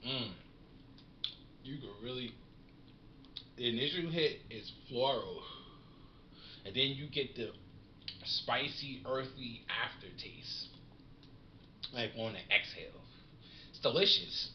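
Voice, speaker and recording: A relaxed man in a casual slangy vlog, savoring and reviewing what he smokes. His voice sits at a middle pitch in a roomy space. The recording is dull and lo-fi with a faint hiss underneath. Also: slow, long pauses. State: smoking while talking. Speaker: cannabis reviewer.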